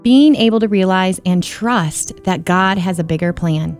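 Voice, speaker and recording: Woman host reading scripted radio intro, gentle and earnest, faint music behind. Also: fairly low pitch, a little slow. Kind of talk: scripted narration.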